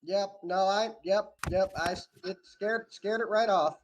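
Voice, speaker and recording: A man who is a player in a tabletop game, talking in a quick, eager way. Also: sits high, steady tone.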